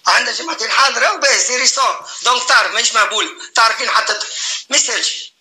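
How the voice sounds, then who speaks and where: A man's voice: extremely high pitch, very fast, pushed and bright. An older man with a Tunisian accent, arguing heatedly as a father in a family dispute and insistently repeating short phrases. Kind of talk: heated argument.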